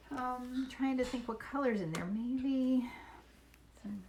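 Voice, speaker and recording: A woman painter chatting softly and thinking aloud during a live painting demo. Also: high voice, slow pace, slight background noise.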